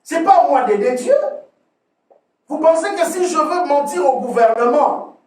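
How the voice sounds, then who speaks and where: High-voiced man preaching in an echoey hall. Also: expressive, moderate pace, far from the mic, slight background noise. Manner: emphatic preaching with sudden swings from loud to soft; repeats words and restarts phrases. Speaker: pastor. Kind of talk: sermon. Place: church hall. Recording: echoey room, voice from off the mic.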